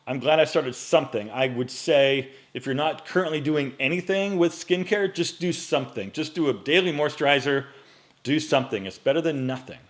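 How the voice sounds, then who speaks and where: Sitting in his home studio at a mic in front of him, a men's style YouTuber in his late forties handles viewer questions in a laid-back vlog. He speaks at a moderate pace in a slightly high voice, chatting easily with frequent fillers.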